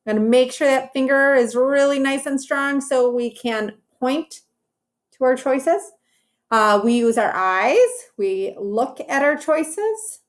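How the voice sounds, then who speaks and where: Speaking slowly in a high voice, a woman teacher reads to young children during a read-aloud lesson. She keeps things simple and instructive, pausing for encouraging remarks about the pictures.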